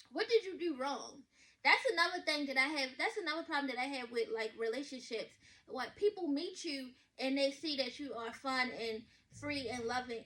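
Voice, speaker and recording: A woman, reacting to a story in blunt, sassy, animated casual commentary. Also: high-pitched. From Baltimore, USA. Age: 20s. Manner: blunt, sassy, loud and animated with slang and swearing. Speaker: vlogger reacting to a reader's story.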